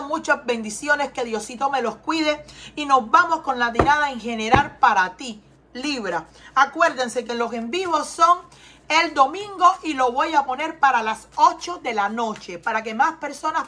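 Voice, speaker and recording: A woman's voice: sits high, sharp tone. A Cuban woman with a Cuban Spanish accent, giving an earnest tarot reading to her viewers and often asking them questions. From Cuba. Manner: earnest, repeats questions and asks viewers to respond. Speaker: tarot reader. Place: home in Texas.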